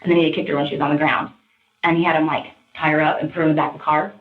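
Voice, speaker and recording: A woman being questioned by detectives, telling what she saw in animated, pressured speech. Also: low voice, racing, a little hiss or hum. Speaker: witness in police interview. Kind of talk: recounting events to detectives. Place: police interview room. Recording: echoey interview room, phone-like audio.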